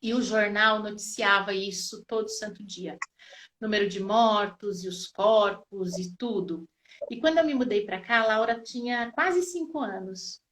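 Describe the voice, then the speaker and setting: A woman, telling family stories as an interview guest, lively and quick to laugh. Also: medium pitch, a little hiss or hum. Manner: lively storyteller, laughs often, voice rising with emotion. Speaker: mother and guest. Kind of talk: casual testimony in an interview.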